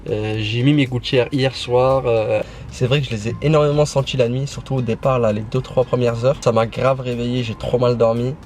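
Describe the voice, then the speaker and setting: A man's voice: mid-range voice, fairly even intonation, moderate pace, hardly any pauses, darkish tone. A man with a slushy lisp on his s sounds, chatting casually to the camera for a vlog.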